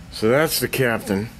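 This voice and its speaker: An older man with a medium-pitched, slightly bright voice rambles through a casual show-and-tell of his miniatures, poking fun at himself and clearing his throat often. It was shot on a handheld camera in a cluttered basement hobby room, with a little background noise.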